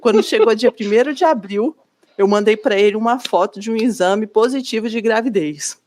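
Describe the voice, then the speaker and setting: A woman co-hosting a podcast, telling a prank story in casual chat with expressive, laughing delivery. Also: a little high, fairly quick. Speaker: podcast co-host.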